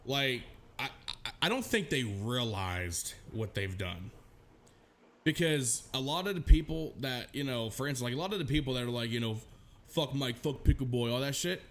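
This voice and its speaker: A man's voice: medium pitch, big pitch swings, moderate pace. A man co-hosting a casual livestream chat, rambling and swearing with many restarts. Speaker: livestream co-host.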